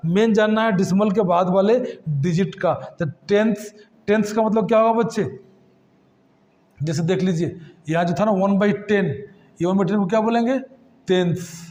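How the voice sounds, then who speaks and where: Male math tutor, high voice, patient question-and-answer classroom delivery. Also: normal speed, a little mellow. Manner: addresses students as kids, asks and answers his own questions.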